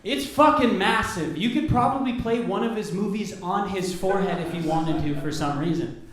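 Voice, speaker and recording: A man's voice: high voice, moderate pace, a crowd in the background. A man in his thirties performing a stand-up comedy set, sardonic and self-deprecating, swearing freely. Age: 30s. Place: comedy club stage. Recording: echoey comedy club room.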